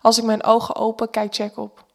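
A woman with a Dutch accent giving calm, intimate first-person story narration. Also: a little high, a little fast, vocal fry.

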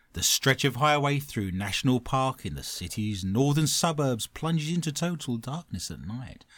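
Male host, animated intonation, dramatic ghost-story narration, hushed phrase endings, banter, dry close sound. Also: fairly low pitch, dry recording. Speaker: host of a paranormal quiz show.

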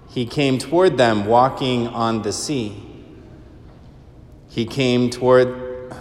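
Slow priest in cathedral echo. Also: male voice, medium pitch. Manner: slow, measured liturgical reading. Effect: cathedral echo, long church reverb. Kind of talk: gospel reading and homily. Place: large church. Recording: echoey church hall, long reverb.

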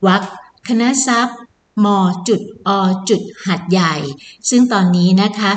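A woman's voice: mid-range voice, a little slow, echoey room. A woman presenter giving a promotional event announcement, politely inviting listeners and repeating key details. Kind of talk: promotional announcement, semi-scripted.

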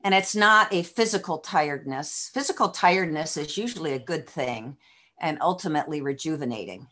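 A woman preaching a sermon over a video call, in a slow, reflective way with frequent fillers. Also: sits low, lively intonation, sharp tone.

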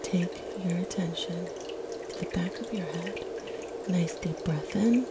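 A woman leading a guided meditation in a soft, soothing, gentle spa-like whisper, as the host. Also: on the low side, a little slow, heavy background noise. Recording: loud watery ambience, dripping water. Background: running and dripping water ambience.

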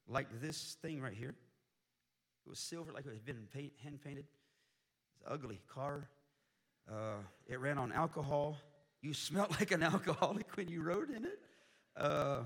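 Jokey, animated male missionary preacher. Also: on the high side. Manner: jokey, animated, with laughs and sudden loud bursts. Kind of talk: sermon with humorous storytelling.

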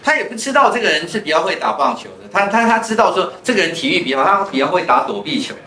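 In an echoey church classroom with faint noise, a male pastor gives a conversational Bible lesson full of personal anecdotes. His voice sits high and sounds very animated, pushed and bright, and he talks quickly.

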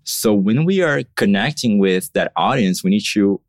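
A man's voice: on the low side, lively intonation, moderate pace, no room sound, studio quality. A man from Brazil, a guest on a podcast, talking casually and thoughtfully, with lots of "you know" and "like" in his answers. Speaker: podcast guest, marketing lead.

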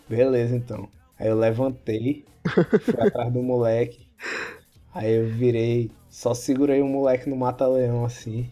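A man's voice: medium pitch, dark tone. A young Brazilian man on a podcast, casually telling school stories with lots of slang and swearing, laughing as he goes. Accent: Brazilian Portuguese. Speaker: podcast co-host. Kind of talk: casual storytelling chat.

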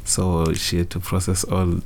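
A young man from Zimbabwe answering interview questions in a relaxed, hesitant way, with many fillers and restarts. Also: low voice, measured pace, slight background noise. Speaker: interview guest, business founder.

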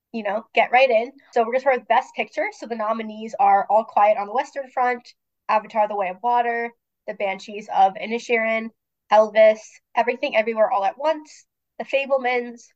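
A woman's voice: fairly high pitch, muffled recording. Congested woman podcast co-host. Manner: chatty, frank opinions with fillers. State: congested from a cold. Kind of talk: casual podcast chat.

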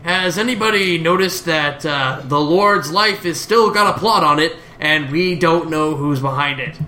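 A woman's voice: deep voice, a little slow, sharp tone, a little hiss or hum. A woman voicing a muscular, blunt human woman adventurer who talks in a skeptical, questioning way. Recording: roomy recording.

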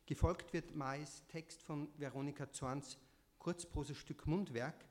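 A man's voice: a little high, fairly even intonation, a little slow. A man moderating a literary reading, giving formal, wordy introductions of the next authors. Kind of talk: introducing readers at a literary event.

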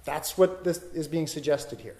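A man's voice: fairly high pitch, normal speed, gravelly, dark tone, roomy sound. A man giving a dharma talk, explaining ideas step by step and thinking aloud, often checking in with "right?". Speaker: dharma teacher.

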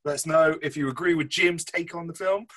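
A man's voice: a little high, a little fast, a bit bright. A man co-hosting a casual film review podcast, upbeat and chatty. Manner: upbeat, chatty, says mate. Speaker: podcast co-host.

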